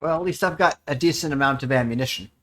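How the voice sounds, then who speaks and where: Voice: medium pitch, quick pace. A player chatting casually and jokingly while playing a game. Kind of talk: casual chat while gaming.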